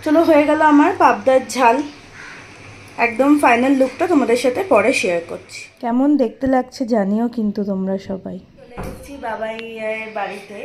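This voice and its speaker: A woman's voice: fairly high pitch, a little fast, darkish tone. A woman in her thirties with a Bengali accent, chatting through a home cooking vlog step by step. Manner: chatty, explaining step by step to viewers. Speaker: vlogger. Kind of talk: casual cooking vlog narration. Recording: noisy home video with clear background noise.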